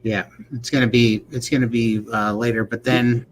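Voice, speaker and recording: A man chats loosely on a livestream, rambling and quick to laugh. His voice sits at a middle pitch. A faint background hiss runs underneath. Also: flat delivery. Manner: laid-back, rambling, laughs often. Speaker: livestream co-host. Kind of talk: casual livestream chat.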